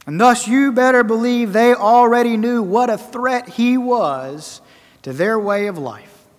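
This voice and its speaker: Man, preacher, high voice, emphatic rhetorical sermon, long echoing church reverb. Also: unhurried. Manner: emphatic, repeats phrases for effect, swings loud and soft.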